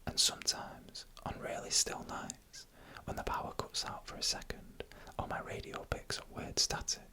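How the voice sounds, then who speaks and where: Scary UFO encounter stories are told in a soft, unhurried ASMR whisper. The narrator stays close to the microphone so it suits headphone listening.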